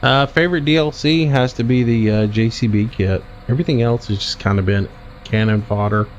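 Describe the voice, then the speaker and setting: A man streaming a game and casually answering chat questions in a relaxed, drawling way. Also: mid-range voice, fairly quick. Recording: dull lo-fi stream audio with faint vehicle noise.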